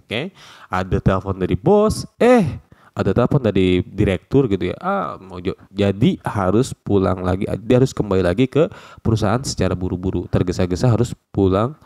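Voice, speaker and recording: A man with a fairly low voice gives a laid-back language lesson, recorded dry and close with almost no room sound. He repeats his phrases, explains patiently and slips in slangy asides. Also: big pitch swings, normal speed, a little mellow, dry recording. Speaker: Japanese language teacher. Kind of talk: casual online language lesson.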